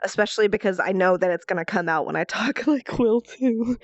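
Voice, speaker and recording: A woman's voice: mid-range voice, a little fast, dry recording, highs cut off, soft background music. A woman with a nasal, stuffed-up whine, chatting casually and expressively on a livestream in a playful, self-mocking way. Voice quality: nasal, congested. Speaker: livestreamer and role-player.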